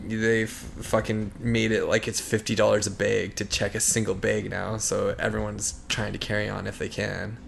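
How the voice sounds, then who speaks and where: Male podcast co-host, rambling and profane, deep gravelly fry in the voice. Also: little pitch movement, moderate pace, few pauses, slight background noise. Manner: rambling, swears freely, trails off mid-sentence. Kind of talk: casual chat.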